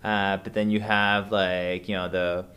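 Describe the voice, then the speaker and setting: Low and level, with a slightly bright quality, this Venezuelan man in his thirties speaks a little slowly. As a podcast guest he chats casually yet hesitantly, leaning on fillers and restarts.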